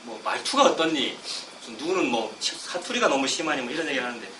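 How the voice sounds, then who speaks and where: Coughing through a cold, a medium-pitched, very animated middle-aged pastor delivers an expository sermon in his sanctuary. Between slow scripture readings he gets conversational and pokes fun at himself, and the distant mic catches room echo and background noise.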